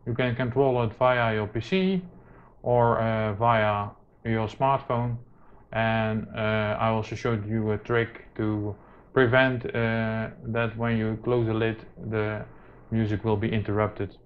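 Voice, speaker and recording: A Dutch tech tutorial presenter from the Netherlands, a native Dutch speaker, gives an unscripted how-to demonstration in a hesitant, halting way with very frequent filler sounds. His voice is on the low side with fairly even intonation, captured in dull lo-fi camera audio with clear noise.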